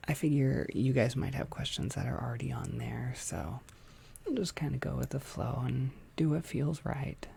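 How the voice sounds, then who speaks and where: Young adult asmr streamer, super creaky whispery voice, soft n hesitant, little tongue piercing clicks, faint noise behind. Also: medium pitch, normal speed. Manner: soft-spoken, hesitant, informal. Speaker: ASMR content creator hosting a livestream. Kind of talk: whispered ASMR, casual livestream chat.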